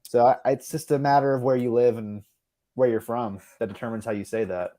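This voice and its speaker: An American man co-hosts a relaxed chat, teasing and laughing as he explains his views. He talks quickly, and his voice has a mellow, darker tone. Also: mid-range voice. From United States. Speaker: co-host. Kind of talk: casual chat.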